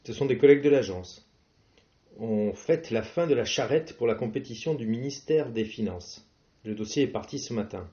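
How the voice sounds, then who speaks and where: A friendly man hosting drinks for colleagues, played by a male reader, with a mellow, warm tone and a plain conversational delivery. The recording sounds dull and lo-fi. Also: mid-range voice, lively intonation, normal speed, natural voice. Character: adult male host of a drinks gathering, friendly.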